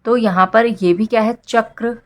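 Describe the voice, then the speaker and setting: A woman walks parents through a school syllabus in a patient teaching manner. She mixes English terms into her explanation. She draws out example words slowly and clearly. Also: medium pitch.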